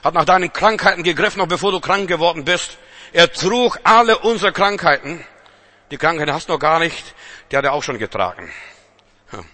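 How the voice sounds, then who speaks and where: Fiery, bright-voiced male preacher. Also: fairly high pitch, expressive, brisk. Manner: dramatic, shifts between loud exhortation and quiet intensity; rhetorical questions to the listeners. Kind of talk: sermon.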